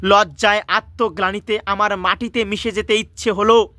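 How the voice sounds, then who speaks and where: A man's voice: high voice, steady tone, moderate pace, bright, forceful tone, no room sound. A male teacher reading a story aloud and stopping often to explain its words and restate its lines.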